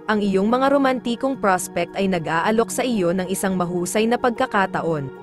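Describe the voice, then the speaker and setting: Woman reading horoscopes over soft music. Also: medium pitch. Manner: measured, formal reading. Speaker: horoscope narrator. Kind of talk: scripted horoscope narration. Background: faint background music.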